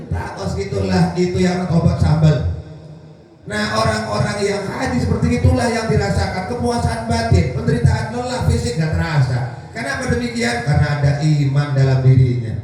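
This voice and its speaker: A man gives a lively sermon and keeps asking his listeners to answer him. His voice is mellow and sits a little high, and it is heard from a distance in a very echoey hall with faint music behind him. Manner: jokes and asks the audience to answer back. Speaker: Islamic preacher. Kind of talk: lively sermon at a pilgrimage send-off. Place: echoey hall at a home gathering.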